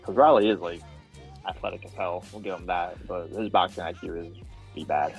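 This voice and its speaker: Guy on a fight podcast, deep and crackly voice, always cracking jokes. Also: brisk, creaky, soft background music. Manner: joking, storytelling asides. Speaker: podcast co-host. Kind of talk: casual sports chat.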